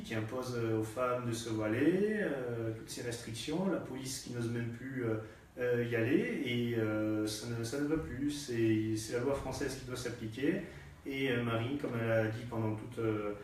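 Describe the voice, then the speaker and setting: A man's voice: mid-range voice, a little mellow, a little hiss or hum. A man, a party activist, speaking in a live political discussion, hesitant with many fillers and restarts. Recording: distant echoey room sound.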